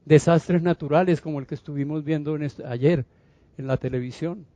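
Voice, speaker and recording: A man's voice: fairly high pitch, normal speed, mellow, no room sound. A man preaching a sermon as a pastor, calling for responses from his congregation and acting out the figures in the story. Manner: acts out Bible figures' voices.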